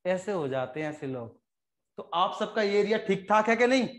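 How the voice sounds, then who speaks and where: A biology teacher with an Indian accent and a high-pitched voice lectures his class at speed. He's animated and jokey with the students, briefly putting on voices when he tells stories.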